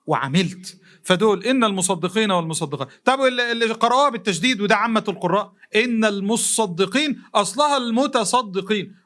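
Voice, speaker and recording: Fast, bright-voiced Egyptian preacher. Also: male voice, sits high. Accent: Egyptian Arabic. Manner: colloquial, questions the audience directly; animated, voices imagined speakers. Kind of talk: mosque lesson sermon. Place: mosque.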